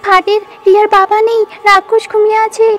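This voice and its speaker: A woman's voice: very high-pitched, little pitch movement, a little fast. A woman voicing a panicky young village mother in a doll-play story, calling out frantically.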